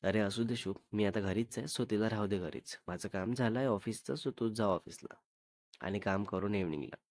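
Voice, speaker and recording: Caring young wife, put on by a man, pleading and soothing, higher pitch, dry. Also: normal speed, darkish tone, no echo, natural voice.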